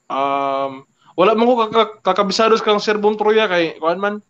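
A young man with a high voice jokes around with his friends and slips into mock vlog greetings. The recording is dull and lo-fi, like a cheap phone mic. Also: moderate pace, a bit bright. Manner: playful, mimics other vloggers' intros. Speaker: vlogger doing impressions. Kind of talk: joking casual chat with friends. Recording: dull lo-fi sound.

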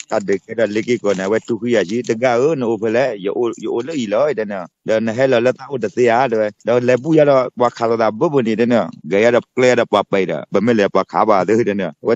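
Fast-talking low-voiced man, lo-fi. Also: a little mellow, dry recording. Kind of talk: casual chat.

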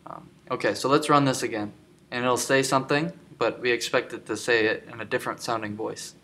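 A man giving a screen-recorded software tutorial, explaining step by step with many filler ums. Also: mid-range voice, fairly even intonation, brisk. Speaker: tutorial instructor.

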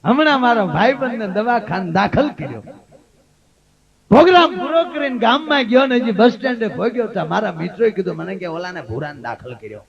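A man telling comic folk stories on stage with a Gujarati accent, a lively storyteller who jumps into shrill high voices for the women in his tales. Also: a little fast, vocal fry. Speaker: folk comedian. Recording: dull lo-fi stage recording with crowd. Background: audience laughter.

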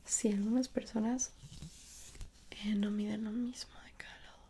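A young woman with a Mexican accent in a whispered role-play as a dressmaker, speaking softly and attentively straight to the listener. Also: mid-range voice, level tone, slight background noise. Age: young adult. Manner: soft, unhurried, attentive, speaking directly to the listener. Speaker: ASMR performer playing a dressmaker. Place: small indoor room at home.

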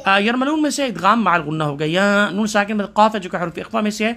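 Over some background noise, a high-voiced man from Pakistan teaches tajweed, reciting verses and explaining the rule for each letter step by step. Now and then he stops to correct himself.

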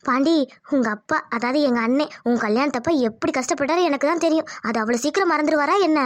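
A woman voicing a scheming, sharp-tongued middle-aged village aunt in a cartoon, with a needling, indignant way of talking. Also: high-pitched, quick pace, no echo, lightly acted. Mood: grievance. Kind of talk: cartoon dubbing.

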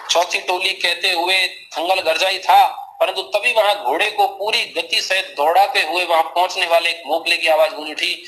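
Bright high-voiced male narrator. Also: fairly even intonation, normal speed, a little hiss or hum, poor audio. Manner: grave, dramatic reading. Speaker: audiobook narrator. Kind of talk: dramatic audiobook narration.

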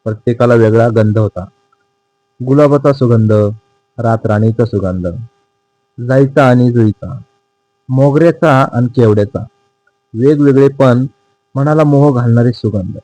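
Man narrating a children's tale, sing-song cadence, slow and mellow. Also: mid-range voice, dry recording, rough recording. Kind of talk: reading a children's textbook story aloud.

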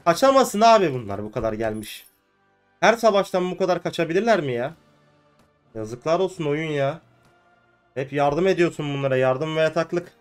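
A hoarse man who is ill, commenting on his own gameplay and often breaking into cursing rants at the game. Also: a little high, animated, normal speed, pauses often, faint music behind. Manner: ranting and cursing at the game, frequent outbursts. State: hoarse from illness. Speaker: gaming video host. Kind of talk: let's play commentary.

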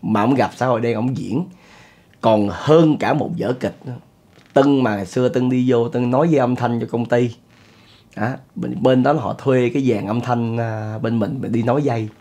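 A middle-aged man with a Southern Vietnamese accent hosts a spoken ghost story, chatting with his listeners and chuckling often. His voice is medium in pitch and dark in tone, at a normal pace.

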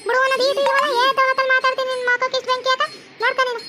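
A woman's voice: very high voice, monotone, sharp tone, faint music behind, voice pushed up. A woman voicing a fierce, foul-mouthed young daughter-in-law in a cartoon, hurling insults in a North Karnataka Kannada accent. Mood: defiant. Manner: defiant, insulting, rapid. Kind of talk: cartoon voice acting.

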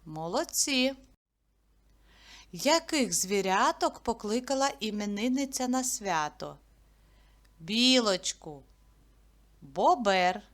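A woman teaching a literacy lesson who asks simple questions and answers them herself, stretching words slowly and clearly. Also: medium pitch, animated, a bit bright. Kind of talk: slow, clear classroom lesson narration.

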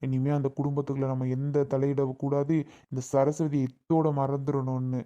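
A man's voice: mid-range voice, little pitch movement, normal speed, dark tone. A man with a mid-range voice acting in a homemade family drama. He scolds and argues in an angry way. The home recording sounds dull and lo-fi. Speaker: actor in a family skit. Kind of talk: melodramatic family skit acting.

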